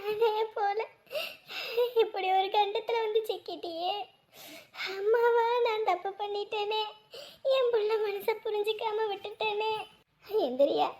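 In an emotional village drama, a woman plays a grieving mother at her son's hospital bed, sobbing and wailing tearfully through her words. Her voice is extremely high yet darkish in tone, delivered slowly with long pauses.

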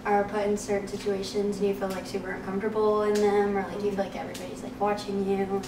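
A seventeen-year-old woman, a high school cheerleader, answering interview questions plainly. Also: flat delivery, quick pace, background noise. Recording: roomy, distant, with music.

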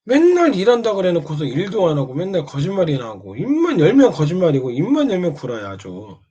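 A man's voice: fairly high pitch, huge pitch swings, quick pace, mellow, slightly rough. A man taunting and scolding another streamer in a mocking monologue, prodding again and again with short questions. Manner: needling, keeps prodding with "eh?". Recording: dull lo-fi sound.

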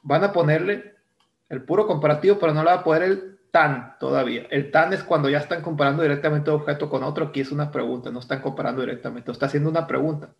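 A man's voice: a little high, steady tone, fast talker, creaky, dull audio. A male English teacher with a Mexican Spanish accent, explaining grammar step by step in a recorded lesson and checking in with "¿no?" as he goes. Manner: explains step by step, repeats terms, asks "¿no?".

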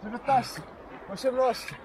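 A man's voice: extremely high pitch, moderate pace. A man chatting casually as a companion on an outdoor swimming trip. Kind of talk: casual chat. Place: outdoors by a lake. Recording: loud wind and wave noise.

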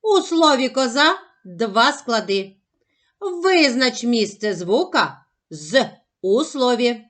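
A woman teaching a phonics lesson to young children, sounding out syllables slowly and carefully. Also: a little high, sing-song, a bit bright. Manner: slow, careful, over-articulated sounding out of syllables.

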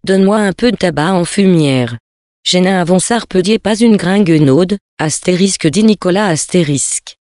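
A reader voicing a rough river boatman with a hoarse voice, telling a rambling folksy tale, recorded dry. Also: medium pitch, normal speed, a little mellow, no echo, close to an everyday voice. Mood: gruff.

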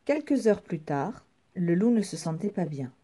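A woman reading a children's picture book aloud in an expressive, unhurried way. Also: lowish voice, breathy edge. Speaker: storyteller.

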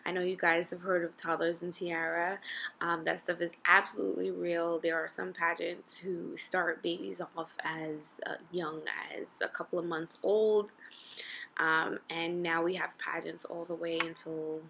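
A woman's voice: lowish voice, level tone, a little slow, creaky, bright, forceful tone, a little hiss or hum, low-quality recording. A young woman talking casually to camera at home, answering viewer questions in an informal, conversational way, as if thinking aloud. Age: young adult. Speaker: vlogger and pageant contestant. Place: small indoor room at home with brick wall.

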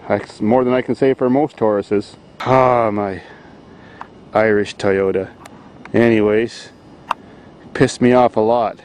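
A man from Canada, talking casually and jokily while walking around his farm, recorded on a handheld camera mic. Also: mid-range voice. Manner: rambling, jokey, deadpan. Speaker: vlogger. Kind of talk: casual vlog walkthrough. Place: outdoors on a farm.

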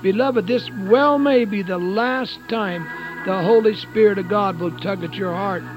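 An evangelist man delivers a radio sermon in a high, earnest voice, urging and pleading with his listeners. The broadcast sounds dull and lo-fi. Soft music sits faintly behind him. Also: measured pace.

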